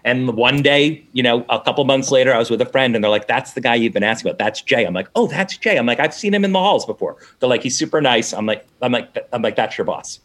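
Middle-aged man, interview guest, animated storytelling, acts out dialogue. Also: mid-range voice, quick pace, few pauses. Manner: animated, acts out both sides of conversations.

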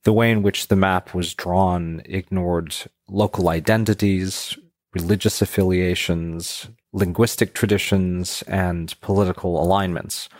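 A man's voice: sits low, no room sound, clean studio sound. A man, a guest giving a formal, lecture-like prepared explanation. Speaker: network member guest.

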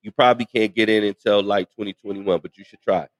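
A man's voice: lowish voice, fairly even intonation, fast talker, no echo. A man co-hosting a live podcast from a taproom, playful and teasing, hyping up the crowd. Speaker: podcast co-host. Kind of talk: lively live podcast banter. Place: restaurant taproom, live show.

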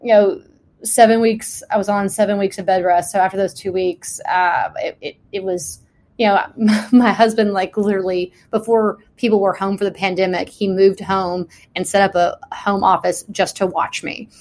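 A woman's voice: mid-range voice, level tone, normal speed, darkish tone. A woman, chatting casually as a podcast guest and telling stories with emphatic repetition. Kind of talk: casual interview chat.

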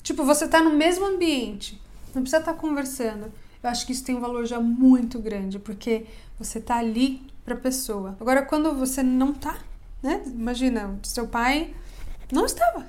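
Woman host, asks questions, sets up what-ifs, high voice. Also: normal speed, darkish tone. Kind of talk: casual interview chat.

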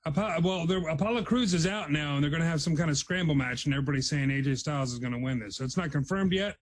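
A man hosting a casual podcast chat, running through lists quickly and laughing often. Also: a little high, a little hiss or hum, rough recording. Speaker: podcast host.

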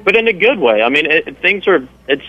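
A man's voice: a little high, a little fast, highs cut off. A man with a Southern US accent from South Carolina, a guest chef talking casually in a radio interview, rambling and saying "like" a lot. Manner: relaxed, rambling, says "like" often.

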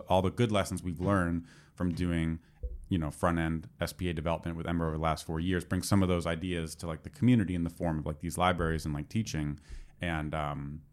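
A man's voice: sits low, fairly even intonation, a little fast. A man in casual conversation, rambling with lots of fillers as he talks shop. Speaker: podcast co-host, developer. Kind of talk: casual chat.

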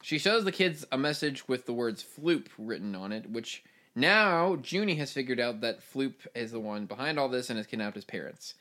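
A man's voice: medium pitch, lively intonation, moderate pace, sharp tone. A man hosting a podcast, casually recapping a film plot in a rambling way with many fillers. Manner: rambling, filler-heavy storytelling. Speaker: podcast host.

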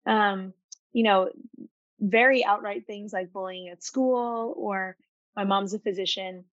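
A young woman from Arkansas, a designer, answering interview questions over a video call in a thoughtful, measured way. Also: mid-range voice, fairly even intonation, no echo. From Arkansas, United States. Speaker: guest designer. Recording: dry, slightly dull video-call audio.

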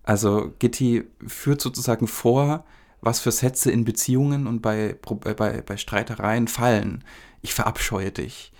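A man talking about a film in a measured, analytical way, building long sentences with small fillers. His voice sits at a middle pitch. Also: a little mellow. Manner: thoughtful, elaborate sentences with fillers. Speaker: film discussion co-host. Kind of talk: analytical conversational talk.

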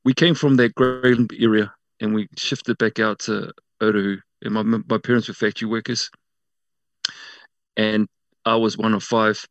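A man from South Auckland with a New Zealand accent, telling personal stories casually as an interview guest, often halting and correcting himself. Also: lowish voice, flat delivery, no room sound, lo-fi sound. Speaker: interview guest working in media.

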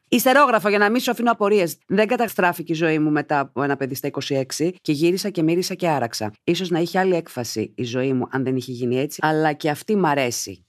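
Woman, podcast host, lively swooping pitch, dry close sound, outspoken and exclamatory. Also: no room sound. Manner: animated, outspoken, bursts into laughter and exclamations. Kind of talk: podcast chat reading listener letters aloud.

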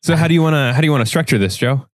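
A man's voice: on the high side, very fast, no room sound, studio quality. A man hosting a tech podcast, chatting casually and joking with his co-hosts. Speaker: podcast host.

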